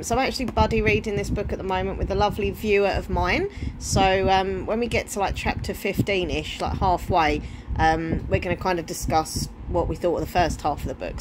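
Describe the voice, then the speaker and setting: A woman with an Essex accent in her thirties, chatting casually in a rambling, informal vlog with trailing thoughts. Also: medium pitch. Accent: Essex English. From Essex, England. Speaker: vlogger. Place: indoors at home, bedroom. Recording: clear background room noise, handheld home recording.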